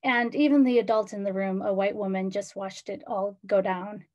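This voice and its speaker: A teenage student panelist from Ecuador gives earnest personal testimony over a video call, pausing frequently. Her voice is medium-pitched, steady and a little mellow, with the highs cut off.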